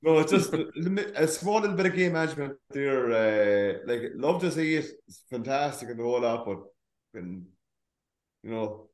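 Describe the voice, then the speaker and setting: A man's voice: medium pitch, lively intonation, moderate pace. An Irish man co-hosting a podcast with casual, teasing banter. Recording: echoey room sound.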